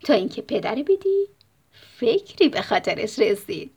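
A woman narrating a bedtime story, expressive, often dropping into a whisper. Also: fairly high pitch, breathy edge, lo-fi sound.

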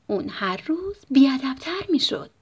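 A woman narrating a bedtime story, expressive, often dropping into a whisper. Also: sits high, muffled recording.

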